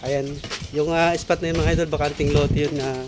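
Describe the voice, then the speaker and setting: A man's voice: fairly high pitch, level tone, moderate pace. Filipino man narrating an outdoor fishing vlog. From Philippines. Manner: greets viewers as idol, shouts and cheers at big catches. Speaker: fishing vlogger host. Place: outdoors by a flooded field. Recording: outdoor noise behind, rural ambience.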